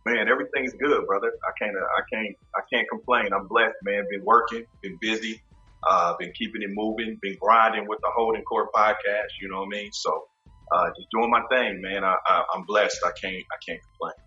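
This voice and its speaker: A man in his fifties from Kansas City, Missouri, speaking as a guest in a casual interview in a relaxed, reflective way, often repeating words as he thinks. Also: on the low side, fairly quick, dull audio, faint music behind. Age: 50s. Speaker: podcast host as guest.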